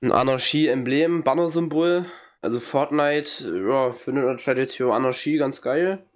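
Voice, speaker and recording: At normal speed and in a mid-range voice, a young streamer with a cold comments on a video game through a headset in a small room at home. He's casual, blunt and slangy, reacts with mockery, and coughs occasionally.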